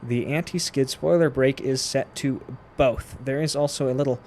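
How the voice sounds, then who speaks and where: A flight sim tutorial presenter talks through his gameplay step by step in a casual, instructional way. His voice is mid-range and a little mellow, at a normal speed, with slight background noise.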